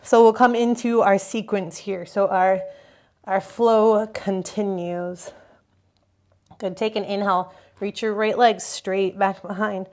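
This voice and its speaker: A woman teaching a yoga class, giving calm step-by-step cues for breath and movement. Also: medium pitch, slow pace. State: slightly out of breath at times. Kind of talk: guided yoga class instruction.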